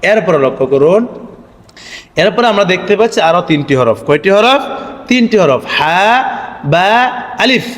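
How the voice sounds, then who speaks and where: A man teaching Arabic letter spelling for Quran reading, drilling the syllables slowly in a singsong chant and asking questions that he answers himself. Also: high voice. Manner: asks the viewers questions and answers them himself. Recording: echoey room with long reverb.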